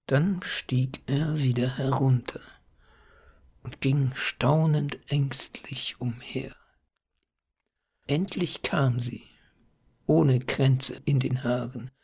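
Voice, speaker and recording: A man narrating an old pastoral tale in a soft, half-whispered reading. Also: mid-range voice, vocal fry, slightly rough. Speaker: audiobook reader.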